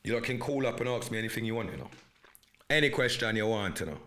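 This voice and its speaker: Fairly low, sharp in tone and animated, this English-born podcast host talks fast. His accent is English with a Jamaican Patois inflection, and he runs an emphatic, repetitive live monologue mixed with patois slang.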